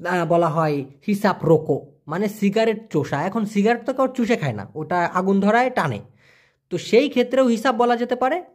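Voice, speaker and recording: A male language teacher with a high-pitched voice gives a casual vocabulary lesson at a normal speed, his intonation lively. He repeats each word and explains it with everyday examples in a colloquial, chatty way.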